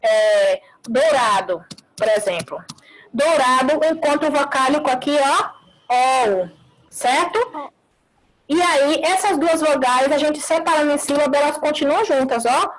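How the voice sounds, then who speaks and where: A woman teacher with a high voice gives a live online class, explaining slowly, repeating words, and checking understanding with short tag questions. The recording quality is low.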